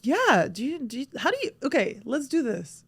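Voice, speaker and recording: A woman from Russia chats on a casual podcast, her voice sitting a little high. She tells stories in an animated, chatty way and keeps restarting her sentences. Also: normal speed, creaky, husky. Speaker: podcast host.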